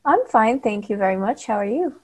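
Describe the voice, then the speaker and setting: A woman's voice: fairly high pitch, expressive, brisk, darkish tone. Chatty young woman from Bulgaria. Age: 20s. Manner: friendly, chatty, laughs lightly. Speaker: guest cosplayer. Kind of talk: casual interview.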